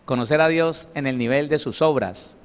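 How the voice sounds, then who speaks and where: Emphatic preacher in a reverberant hall. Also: male voice, on the high side, moderate pace, smooth. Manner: emphatic, rhetorical questions put straight to listeners. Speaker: pastor. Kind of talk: Bible study sermon.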